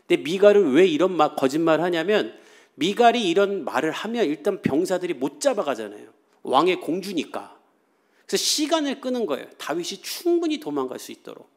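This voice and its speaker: A man preaching a sermon as pastor, telling the story in a casual, chatty way and acting out the quoted lines. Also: a little high.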